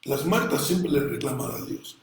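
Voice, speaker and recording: A man preaching a sermon as pastor, speaking Spanish with a Mexican accent, swinging between loud bursts and soft asides and often calling listeners "brother". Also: medium pitch, animated, normal speed, echoey room, rough recording. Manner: addresses listeners as "hermano". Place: church.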